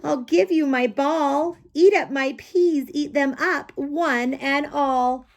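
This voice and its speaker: A woman voicing an anxious young boy who pleads in a high, eager voice in a storybook reading. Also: slow. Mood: pleading.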